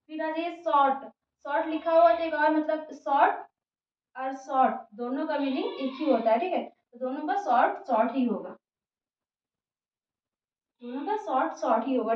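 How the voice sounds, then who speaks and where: A woman's voice: high-pitched, normal speed, long pauses, slight background noise. A woman teaching a casual spoken lesson, explaining word by word and repeating herself often with many fillers. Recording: dull, roomy, distant from mic.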